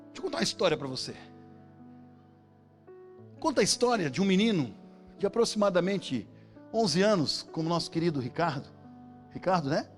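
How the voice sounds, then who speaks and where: A man with a Brazilian Portuguese accent preaching a sermon, telling a story and acting out the voices of its characters, building up to shouts. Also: high voice, sing-song, a little fast, long pauses, faint music behind. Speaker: pastor.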